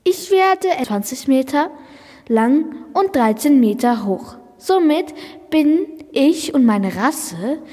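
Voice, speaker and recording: A woman's voice: high-pitched, sing-song, slow, warm tone, big-room sound, full character voice. A young speaker voicing a friendly female Brachiosaurus who patiently explains facts in a children's podcast play. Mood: friendly explaining. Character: friendly female Brachiosaurus, calm plant-eater.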